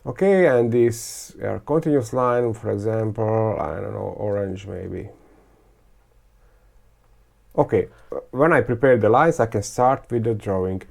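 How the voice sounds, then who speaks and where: A man with a gravelly, somewhat low and slightly mellow voice, whose first language is Croatian, Serbian and Hungarian, records a software tutorial from his screen. A teacher, he thinks aloud haltingly, full of fillers and restarts.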